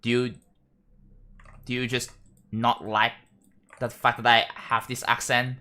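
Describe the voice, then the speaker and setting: Speaking with an Indonesian accent, this young man from Indonesia rambles casually on his live stream, often halting and starting over. His mid-range voice barely moves in pitch and comes out pushed and bright.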